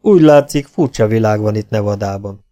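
A man's voice: on the low side, warm tone, natural voice. A man reading an audiobook, voicing a tall, well-fed rider who sounds uneasy and puzzled. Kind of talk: audiobook character voice.

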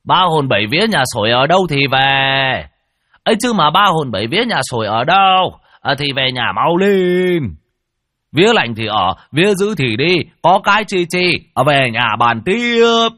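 Male narrator as a blustery old village shaman; barking, commanding, lively. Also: fairly low pitch, normal speed, husky, no echo, studio quality, heavily acted. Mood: bossy.

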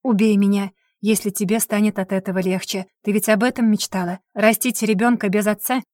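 A woman voicing a cunning young man who pleads with his lover in a calm, insistent way, as a character in an audiobook. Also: medium pitch, a little fast, no echo, clean studio sound, lightly acted. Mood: grim.

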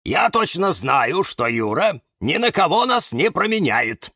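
A man voicing a steady, reassuring male cactus with a firm, snorting manner, in a children's storybook. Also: a little high, measured pace, dry recording, clean studio sound, voice pushed up, exaggerated voice.

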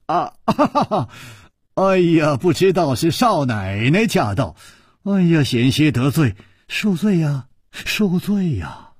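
A man's voice: on the high side, big pitch swings, slow pace, a little mellow, husky, no room sound, clean studio sound, pitched above the performer's own voice, exaggerated voice. A male storyteller voicing a witty young swordsman hero who talks in a playful, teasing way with bursts of laughter.

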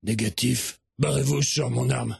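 A man's voice: mid-range voice, fairly even intonation, normal speed, creaky, darkish tone, pitched below the performer's own voice. A man voicing a curt, threatening male security guard who growls his orders. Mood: menacing.

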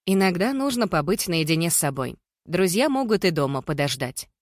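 A reader voicing a secretive young woman who answers softly and evasively, in a dry recording. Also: on the low side, very animated, brisk, no room sound.

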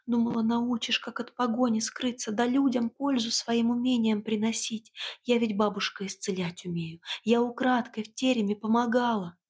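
A woman voicing a timid young tsar's daughter who speaks in a high, trembling, pleading voice. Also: fairly even intonation, normal speed, few pauses, a little mellow, husky.

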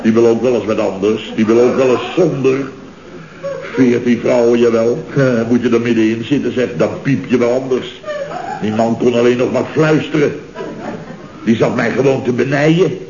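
An actor playing a chatty, boastful boss of a construction firm in a 1960s radio comedy, talking in rambling, jovial asides. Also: male voice, medium pitch, steady tone, normal speed, crowd noise, natural voice. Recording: dull, roomy old radio recording.

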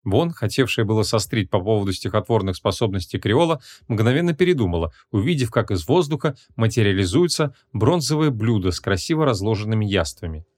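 A man narrating a humorous fantasy audiobook in a measured, expressive reading. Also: lowish voice, dry recording, studio quality.

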